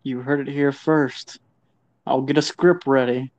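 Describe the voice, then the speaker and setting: A man co-hosting a casual podcast, laid-back and chatty, who gets excited when talking about anime. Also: mid-range voice, measured pace. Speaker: podcast co-host. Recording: dull lo-fi sound.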